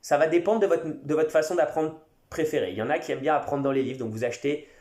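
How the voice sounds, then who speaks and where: A man's voice: a little high, steady tone, fast talker, a little mellow. Man podcasting in an echoey room. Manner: conversational, many fillers and restarts. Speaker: podcast host and English teacher. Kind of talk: casual solo podcast talk.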